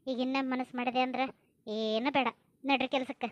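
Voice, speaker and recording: High-voiced chatty North Karnataka woman. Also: little pitch movement, fairly quick, highs cut off, crowd noise. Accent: North Karnataka Kannada. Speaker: comedy skit actress. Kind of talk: family comedy skit acting.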